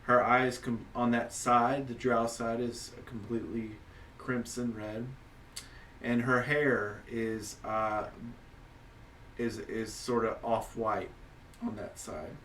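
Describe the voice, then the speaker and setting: A man acts as game master, improvising tabletop narration at a slow, halting pace. His voice is bright and forceful, and he sits a little away from the mic with faint noise behind him. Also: medium pitch, level tone, distant mic. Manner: halting, searching for descriptive words.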